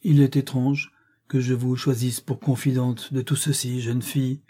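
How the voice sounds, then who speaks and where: A man reading the lines of a brooding, bitter middle-aged gentleman in a slow, declamatory way. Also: mid-range voice, level tone, natural voice. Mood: impassioned.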